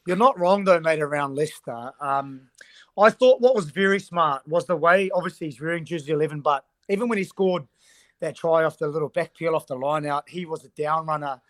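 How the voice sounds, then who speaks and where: A man with a slightly high voice gives rugby analysis. He speaks as a coach being interviewed, in a setting with little echo. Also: brisk, a bit bright.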